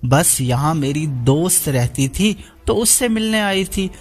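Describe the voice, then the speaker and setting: A man's voice: fairly high pitch, animated, a little slow, faint music behind. A man voicing a scheming young woman villain who talks in a sneering, taunting way. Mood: smug scheming.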